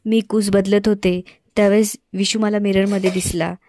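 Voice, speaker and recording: A woman's voice: mid-range voice, moderate pace, a little hiss or hum, close to an everyday voice. A woman reading a scheming young villainess. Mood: frightened. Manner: read in the narrator's own even voice.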